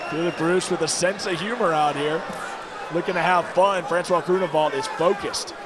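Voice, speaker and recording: A man's voice: fairly high pitch, normal speed, over a noisy crowd, very noisy. A man giving live fight commentary as a commentator, with an emphatic delivery.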